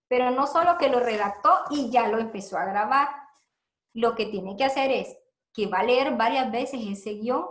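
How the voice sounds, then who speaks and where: A woman's voice: fairly high pitch, a bit bright. Honduran woman teaching in an echoey room. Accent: Honduran Spanish. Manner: explanatory, repeats points, frequent "eh" fillers. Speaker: teacher giving a seminar talk. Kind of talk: instructional talk on recording radio audio.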